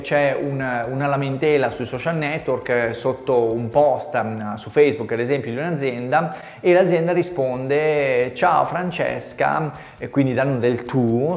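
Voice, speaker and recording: A man's voice: mid-range voice, darkish tone. Man teaching in an echoey room. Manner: conversational, addresses the viewer directly with frequent rhetorical "no?". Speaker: marketing communication teacher. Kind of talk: explanatory video lesson. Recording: roomy echo with long reverb.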